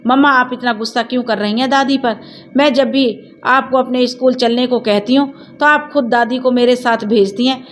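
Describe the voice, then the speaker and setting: Woman voicing a cheeky little girl, chirpy and pleading, a touch high, for a storybook. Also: fairly even intonation, normal speed, a little hiss or hum, close to an everyday voice. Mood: upset. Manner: chirpy, pleading, tearful when scolded. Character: lively cheeky young girl, devoted to grandmother.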